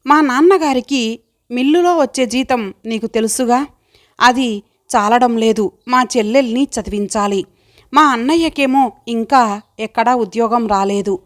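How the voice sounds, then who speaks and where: Earnest young woman, heartfelt and pleading, a bit high, for an audiobook, read by a woman. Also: a little slow, natural voice. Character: earnest young village woman eager to study.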